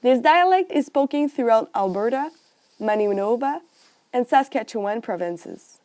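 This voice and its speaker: Student presenter: a woman with a fairly high, animated voice, reading her script carefully. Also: moderate pace. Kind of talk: reading a prepared class presentation.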